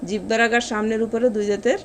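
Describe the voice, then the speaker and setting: A woman teaching Quran reading, explaining pronunciation rules and then reciting each word slowly and drawn out. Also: a little high, level tone, a little hiss or hum. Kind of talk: step-by-step recitation lesson.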